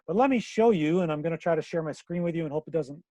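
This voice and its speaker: A man's voice: a little high, quick pace, dark tone, no echo. An older man teaching chess in an online workshop over a video call, upbeat and jokey, with riddles for the group.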